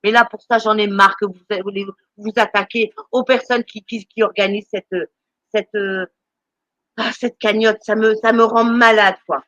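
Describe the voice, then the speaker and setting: A woman's voice: mid-range voice, steady tone, measured pace, a bit bright, no echo, dull audio. A woman doing charity work, ranting on a live stream, indignant and scolding, stammering and repeating words as she talks. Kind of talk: impassioned live-stream rant.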